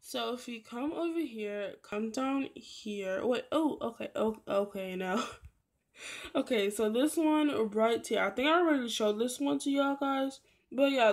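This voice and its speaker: A woman's voice: fairly high pitch, measured pace, darkish tone. A tired woman who has just woken up, talking casually and a little unsure about a game update while showing pictures, with many fillers and trailing words. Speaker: gaming channel host. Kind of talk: casual screen-share commentary.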